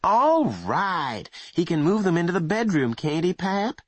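A woman's voice: on the low side, big pitch swings, unhurried, slightly rough, no room sound, voice pushed up, exaggerated voice. A man doing a pushy, self-pitying mother. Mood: dismissive. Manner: insistent, wheedling, turning plaintive.

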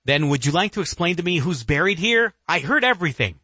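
A dutiful young agent , voiced by a male narrator, reports and arrests in a stiff, officious way. His voice is raised a bit, husky, and recorded close and dry. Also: on the high side, animated, a little fast, sharp tone, no echo, pitched above the performer's own voice, full character voice. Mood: firm.

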